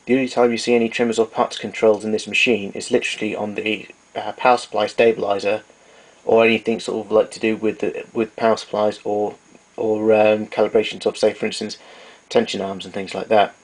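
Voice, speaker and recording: This tape recorder repairer talks a little fast in a fairly low voice with little pitch movement. He walks through an informal technical demo in a plain, slightly hesitant manner, and the amateur recording is noisy and clicky.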